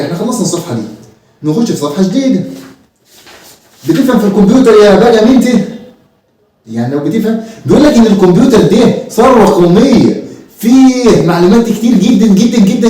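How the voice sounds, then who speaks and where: A man plays an exasperated Egyptian teacher who lectures at great speed and mocks and threatens his student. His voice is mellow and fairly high for a man. It sounds distant in a strongly echoing room. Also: big pitch swings, rapid-fire. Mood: lecturing. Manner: mocking, threatening, preachy. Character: exasperated, stick-wielding male teacher. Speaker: comic actor. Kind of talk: comedy sketch acting. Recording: echoey room, mic far off.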